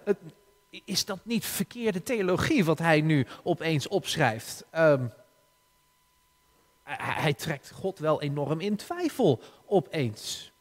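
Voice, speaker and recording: A man preaching a sermon in an earnest, slow way, often restarting and rising for emphasis. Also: on the high side. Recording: long hall reverb.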